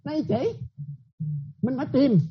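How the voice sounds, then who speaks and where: A woman's voice: high-pitched, a little slow, slightly rough, highs cut off. A Buddhist nun giving a dharma talk, often checking that her listeners follow and repeating her points.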